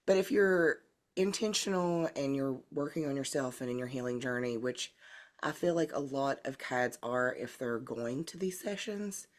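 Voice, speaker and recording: Low-voiced Southern woman, easygoing. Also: normal speed. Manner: thoughtful, hedging with fillers. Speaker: podcast co-host. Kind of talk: casual chat.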